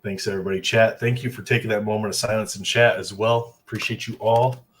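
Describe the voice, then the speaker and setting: Husky-voiced laid-back male host. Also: lowish voice, fairly even intonation, fast talker, a bit bright. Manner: laid-back, reads chat comments aloud. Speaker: livestream host. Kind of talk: casual group chat.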